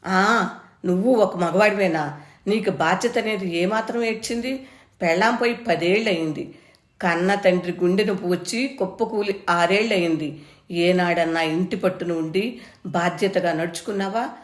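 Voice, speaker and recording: Fierce elderly grandmother, voiced by a woman storyteller, firm and impassioned, low voice in a roomy space. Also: moderate pace, close to an everyday voice. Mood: furious. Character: stern, fierce old grandmother defending her garden. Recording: roomy echo.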